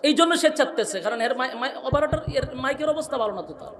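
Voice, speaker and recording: A man preaching who scolds and argues at an outdoor gathering with loudspeakers, ordering the sound operator around. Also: very fast, a little hiss or hum. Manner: angry, scolding at high pitch. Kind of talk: sermon.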